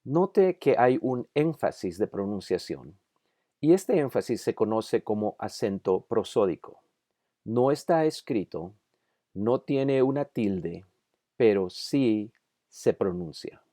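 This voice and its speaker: A man delivers a scripted grammar lesson at a very slow, measured pace, lingering on each example word. His voice sits low and mellow. The recording is dry and close, with no room sound. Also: animated, dry recording. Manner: slow, careful, over-articulated example words. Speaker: Bible institute instructor. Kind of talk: scripted instructional narration.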